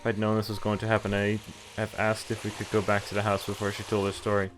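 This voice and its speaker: With game music in the background and poor audio quality, a man reads through a visual novel's dialogue and narration. His voice is lowish and monotone, he talks fast, and his casual reading includes occasional stumbles and self-corrections.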